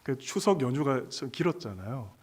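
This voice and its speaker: A man's voice: medium pitch, big pitch swings, moderate pace, a little mellow, slightly rough. A male pastor giving a church sermon, telling a personal story in a conversational way with many fillers and speaking directly to the congregation. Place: church sanctuary.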